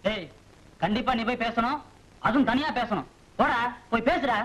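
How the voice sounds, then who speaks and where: A man's voice: very high voice, normal speed, a bit bright, low-quality recording. An actor playing a pushy young man who goads his friend, in a 1980s film comedy. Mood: goading. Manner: pushy and teasing.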